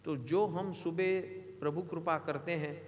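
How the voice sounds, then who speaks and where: Man with a high voice giving a slow, earnest sermon, keeps asking the crowd questions, big echoey hall. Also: steady tone, highs cut off. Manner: repeats phrases and asks the audience questions; earnest, emphatic speaking. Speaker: spiritual teacher. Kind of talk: devotional sermon to a gathering.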